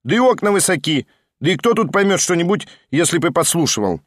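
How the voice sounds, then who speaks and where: A man voicing an irritable male guest who shouts his protests, in an audiobook reading. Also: on the high side, sing-song, a little fast, dry recording, studio quality, voice pushed up. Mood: exasperated. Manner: shouting, exasperated. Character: irritable young male pianist, loud protester.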